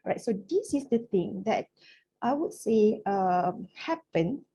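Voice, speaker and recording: A Malaysian lecturer whose first language is Malay gives an academic presentation in English, keeping it conversational and frequently checking in with the audience with "right?". Her medium-pitched voice is expressive, slow, dark and slightly rough, and the recording quality is rough.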